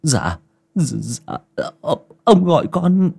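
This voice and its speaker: A man's voice: a little high, big pitch swings, extremely slow, vocal fry, dark tone, husky, voice pushed up, heavily acted. A man voicing a terrified young male servant who stammers and begs for mercy. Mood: terrified pleading. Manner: stammering, pleading, whimpering.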